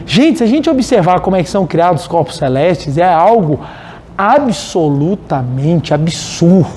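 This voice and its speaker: Animated Brazilian man giving a spiritual talk. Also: sits high, moderate pace, a little hiss or hum. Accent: Brazilian Portuguese. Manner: animated, storytelling, addresses the audience directly. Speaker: spiritual lecturer. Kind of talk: religious study talk.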